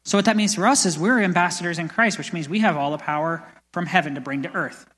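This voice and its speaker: A young man preaching a sermon as pastor, energetic and building to loud passionate peaks, in a church sanctuary. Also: a little high, fast talker. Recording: long church hall reverb.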